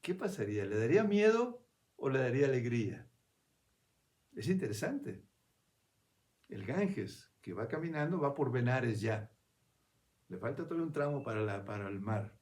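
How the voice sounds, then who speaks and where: A man giving a reflective spiritual talk in a conversational, unhurried way. He keeps checking in with his listener and restarts his phrases as he thinks aloud. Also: mid-range voice, big pitch swings, a little mellow. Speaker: spiritual speaker.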